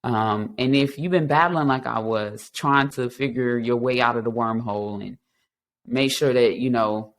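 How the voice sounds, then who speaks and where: An earnest man in his thirties tells his own story of recovery in a mid-pitched voice. He talks reflectively, stopping and restarting often with ums, and turns to encourage his listeners. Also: normal speed, fairly bright tone. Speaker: podcast host. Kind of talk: personal testimony and encouragement.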